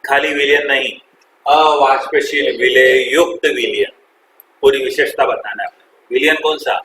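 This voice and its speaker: A male teacher lectures in a bright, forceful voice, firing questions at the class and echoing back their answers. His voice rings around an echoey classroom with a faint hiss beneath it. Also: medium pitch, steady tone, unhurried. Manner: quizzes students and repeats their answers, calls them "beta". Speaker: chemistry teacher. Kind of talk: classroom lecture with call-and-response.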